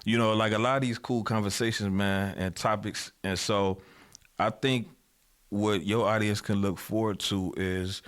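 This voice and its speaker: A man's voice: on the low side, fairly even intonation, moderate pace, a bit bright, smooth. A man speaking as co-creator on a casual podcast chat, earnest and rambling with many fillers.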